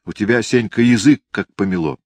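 A squeaky, indignant seven-year-old girl, as a male reader puts her on, lifted high above his deep natural voice. She sounds quick to take offence in an audiobook scene, and the recording is dry and close. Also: dry recording, lightly acted.

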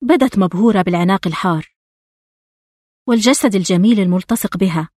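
A woman reads a novel aloud in a measured, intimate storytelling voice. Her pitch sits in the ordinary middle range. The sound is close and dry, with no room around it. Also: a little mellow, no echo. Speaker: audiobook narrator. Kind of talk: literary audiobook narration.

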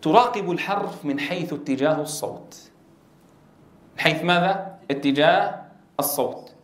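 High-voiced man teaching Quran recitation. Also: moderate pace, roomy sound. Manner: drills letter sounds aloud, asks the class questions; loud stressed demonstrations of letters. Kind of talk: tajweed lesson to trainee teachers.

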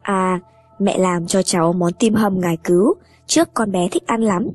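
A woman voicing an anxious older mother-in-law who speaks slowly and softly in an audio horror story. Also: mid-range voice, breathy edge, faint music behind, natural voice. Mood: weary.

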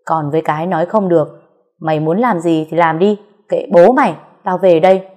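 A stingy, sharp-tongued older mother-in-law, barking blunt scoldings, as a woman storyteller puts her on. The voice sits low and mellow in a spoken ghost-story reading. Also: fairly quick, lightly acted.

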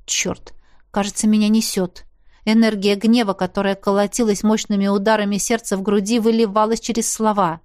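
A woman narrating a novel in the first person with steady, even reading. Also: medium pitch, no room sound, studio quality. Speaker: audiobook narrator.

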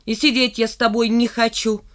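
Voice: mid-range voice, flat delivery, a little fast, fairly bright tone, voice pushed up, lightly acted. A reader voicing a sly, mocking schoolgirl in an audiobook, teasing and challenging. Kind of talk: audiobook character reading.

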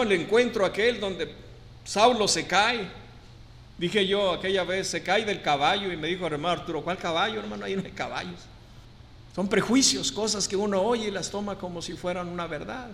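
A man's voice: sits high, a bit bright, big-room sound. A man preaching a sermon to his congregation, drawing out key words for emphasis and calling them brothers.

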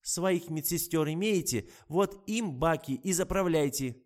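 A cheeky young woman nurse, played by a man reading an audiobook, sulky and snappish. The voice sits well above his usual pitch and rattles off curt replies. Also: expressive, unhurried.

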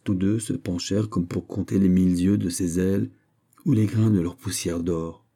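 A man narrating a classic novel in a measured, calm literary reading. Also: sits low. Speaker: audiobook narrator.

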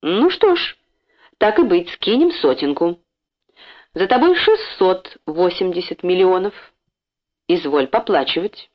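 A woman's voice: lowish voice, very animated, unhurried, pauses often. A woman voicing a smug older male factory owner who talks with false kindness and mockery, in a dull lo-fi recording. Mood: scheming. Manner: falsely kind, mocking.

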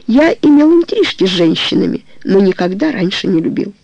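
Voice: mid-range voice, big pitch swings, fairly quick, creaky, a little mellow, no echo. A reader voicing a young man in love who turns jealous and furious, speaking harshly and accusingly. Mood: tender. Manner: pleading, then harsh and accusing. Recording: dull lo-fi recording.

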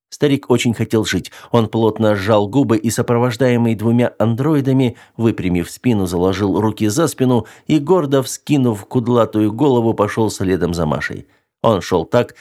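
Low-voiced male audiobook narrator. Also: darkish tone. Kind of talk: scripted narration.

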